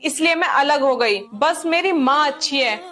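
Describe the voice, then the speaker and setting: A woman playing a calm daughter-in-law who lectures pointedly in a family skit. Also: high-pitched, moderate pace. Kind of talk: amateur family skit acting.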